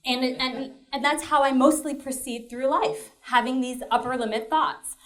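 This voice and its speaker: A woman's voice: high-pitched, steady tone, moderate pace, a bit bright. A woman performing a one-woman stage show, chatty and self-mocking, talking straight to the audience. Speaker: comedic performer.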